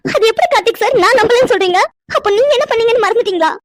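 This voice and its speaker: A woman's voice: extremely high pitch, expressive, very fast, no echo, clean studio sound. A woman voicing a young cartoon woman who is hurt and angry with her lover, pressing him with accusing questions. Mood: upset. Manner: accusing, tearful, insistent questions. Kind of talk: cartoon voice acting.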